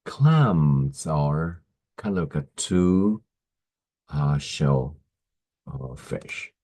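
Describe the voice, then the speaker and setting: A man teaching English idioms in a slow, explanatory lesson, pausing often with "uh" as he works through examples. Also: a bass voice, animated, dark tone, poor audio. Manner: deliberate, pausing, frequent "uh" fillers.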